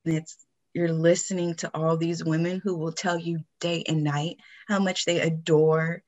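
A woman co-hosting a podcast in casual chat, telling stories with lively laughs and lots of "like" and "you know.". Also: sits low, measured pace. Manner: chatty, animated storytelling with frequent laughs; frequent fillers like "like" and "you know". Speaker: podcast co-host.

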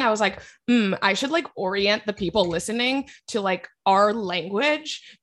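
A woman's voice: medium pitch, a bit bright. Chatty woman podcast clinician. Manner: chatty, loses her train of thought, many likes. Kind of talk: casual podcast chat.

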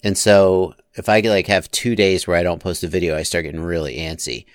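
A man guesting on a casual podcast, talking in a smooth radio voice with a relaxed, joking manner. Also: low-pitched, a little fast, dry recording. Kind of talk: casual chat.

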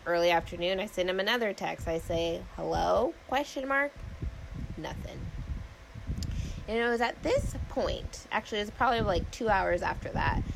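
Gravelly woman telling a storytime. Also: lowish voice, a little hiss or hum, rough recording. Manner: candid, profane, exasperated retelling; slangy, acts out both sides of phone calls. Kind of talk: casual storytime monologue.

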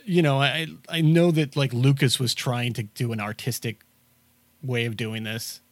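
A man's voice: medium pitch, steady tone, moderate pace, dry recording. A man casually talking through a film as he watches it, rambling with lots of fillers and restarts. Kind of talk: casual movie commentary chat.

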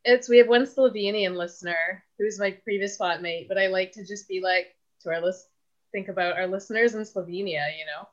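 A woman's voice: mid-range voice, a little fast. A young woman from Canada, a podcast guest, talking casually and rambling with lots of fillers. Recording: dull lo-fi audio.

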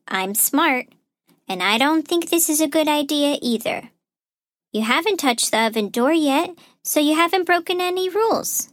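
A woman's voice: high voice, no echo. A woman voicing a sensible young friend who warns against breaking the safety rule in a children's show.

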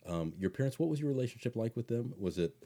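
A man's voice: mid-range voice, expressive, quick pace, dark tone. A man interviewing a guest, listening closely and asking probing follow-up questions. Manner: attentive, affirming, asks probing follow-up questions. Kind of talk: casual interview.

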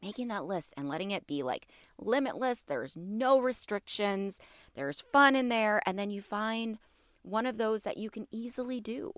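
Her voice is mid-range and expressive, delivered at a moderate pace in a dry, studio-quality recording. She's a wellness podcast host in her thirties whose allergies make her sound slightly congested, and she speaks casually, with warm encouragement and questions aimed at listeners.

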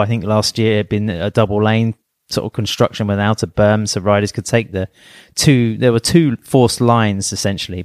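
Middle-aged guy, kinda low voice, podcast co-host, lots of you-knows and ums, dry mic. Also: a little mellow, no room sound. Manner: thoughtful, rambling with many fillers. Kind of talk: casual chat.

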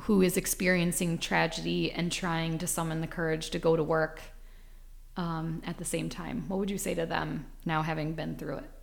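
A woman interviewer with a low, gravelly voice. She asks questions gently and earnestly, taking her time between thoughts. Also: flat delivery, normal speed. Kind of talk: conversational interview.

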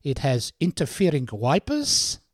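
A man's voice: a little high, huge pitch swings, measured pace, no room sound, clean studio sound, exaggerated voice. A man voicing a bumbling older car dealer who muddles his words while phoning in ads. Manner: muddles words, repeats "are you with me".

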